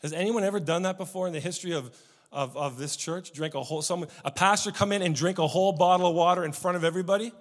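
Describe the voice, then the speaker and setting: A pastor preaching with a high, light voice that rings out through a long reverb, as in a church hall. He swings between soft, intimate stretches and loud, emphatic bursts. The delivery is animated and direct. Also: fast. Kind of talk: sermon.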